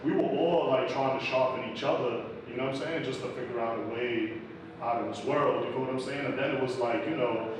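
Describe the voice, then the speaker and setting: In a casual interview, an entrepreneur guest from the Bronx rambles loosely, packing his talk with fillers and street slang; he's a New Yorker who grew up speaking Spanish first. His mid-range voice is fairly quick with fairly even intonation. He's recorded far from the mic in a noisy, echoey room.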